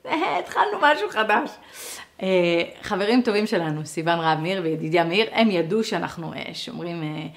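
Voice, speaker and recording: Animated woman teaching a lesson. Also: fairly low pitch. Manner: animated, acts out quoted dialogue; conversational, speaks straight to listeners.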